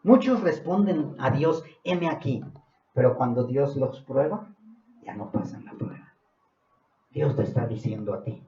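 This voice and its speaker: A man preaching a sermon as pastor, building to emphatic questions and then dropping to quiet reflective lines. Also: mid-range voice, animated, a little slow. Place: church hall. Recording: roomy, dull church recording.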